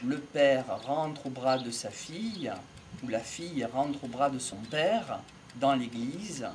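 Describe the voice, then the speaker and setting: Standing in an open field by trees, a middle-aged man speaks slowly and haltingly, pausing between short phrases in an improvised, reflective monologue on psychology and philosophy. He's an amateur lecturer with a mid-range voice and lively intonation, recorded on a small wired mic near his mouth with slight background noise.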